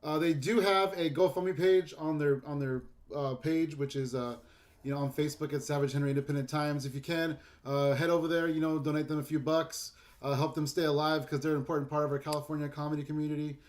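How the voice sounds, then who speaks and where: A man's voice: a little high, level tone, fast. A man hosting an online comedy show, talking casually with many fillers as he introduces the next act. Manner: casual, filler-heavy, upbeat. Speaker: show host.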